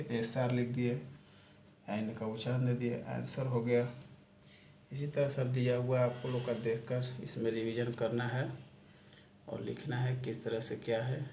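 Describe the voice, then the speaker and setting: A man's voice: mid-range voice, warm tone. A man teaching a shorthand lesson in a casual classroom style, going through examples step by step and repeating himself a lot. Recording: echoey room with faint noise.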